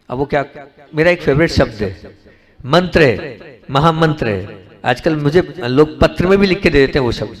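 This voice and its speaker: A man, a Jain monk giving a sermon, asking the audience questions and repeating phrases, swinging from soft and slow to loud for emphasis. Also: on the high side.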